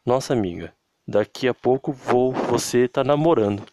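A man's voice: medium pitch, moderate pace, a little mellow, dry recording, natural voice. A man with a Brazilian accent voicing a slangy, teasing young woman in a story reading.

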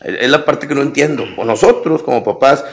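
A man's voice: mid-range voice, a little fast. A man in his thirties with a Mexican accent, telling crude, comic stories on a podcast. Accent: Mexican Spanish. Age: 30s. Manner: storytelling, crude slang, acts out quoted voices. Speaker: podcast host. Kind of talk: casual comedic chat.

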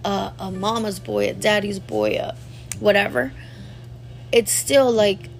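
A woman's voice: mid-range voice, steady tone, a little slow, vocal fry, a little hiss or hum. A woman in her thirties telling a personal story to camera, candid and rambling, full of "like" fillers and talking straight to her viewers. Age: 30s. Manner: addresses viewers directly. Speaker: vlogger.

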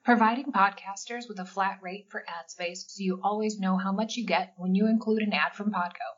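A woman reading a scripted ad spot in a smooth delivery. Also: medium pitch, fairly even intonation, brisk, highs cut off. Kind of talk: read ad spot.

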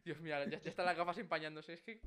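A young man with a Spain accent hosting a casual chat in a jokey, animated way. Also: fairly high pitch. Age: young adult. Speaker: podcast host.

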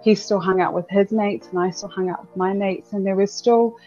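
A business owner from New Zealand, in her thirties, talks briskly in a dark, mid-range voice with fairly even intonation. As a podcast guest in a casual interview, she's candid and chatty, laughing frequently and repeating words. The recording is muffled, with soft music behind her.

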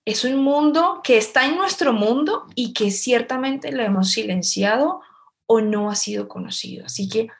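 A woman's voice: a little high, animated, moderate pace, creaky. A woman co-hosting a live-streamed talk show, effusive and given to filler words. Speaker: co-host.

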